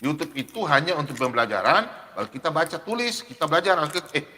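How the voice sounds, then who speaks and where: Emphatic high-voiced man preaching live. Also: big pitch swings, quick pace, bright, forceful tone, in a large hall, a little hiss or hum. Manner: refers to himself in the third person; emphatic, rhetorical questions, recites verses. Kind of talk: unscripted live preaching, reading scripture.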